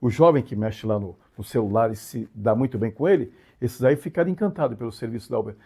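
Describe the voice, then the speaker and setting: A man's voice: medium pitch, fast, creaky, warm tone, husky. A man from Brazil hosting his own channel, explaining a story in a casual monologue with frequent tag questions and emphatic swings. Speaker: channel host.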